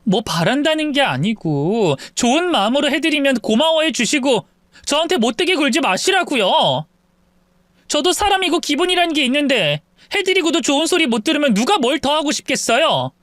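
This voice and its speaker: An indignant young wife, heated and reproachful, as a man puts her on in a raised, lively voice that swings up with each complaint. Her pleading lines come across close and dry, with no room sound. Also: very high-pitched, moderate pace, dry recording, pitched above the performer's own voice, exaggerated voice.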